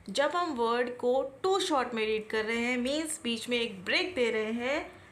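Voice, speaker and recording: Slow, high-voiced Indian woman teacher. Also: a bit bright. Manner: slow, patient, repeats key points and asks questions back. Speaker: English teacher. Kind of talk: classroom-style explanation.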